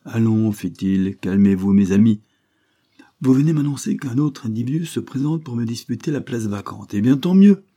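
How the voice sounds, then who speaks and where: Calm firm lawyer, read by a man. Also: mid-range voice, natural voice. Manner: measured, reassuring. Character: composed middle-aged male lawyer, firm and calm.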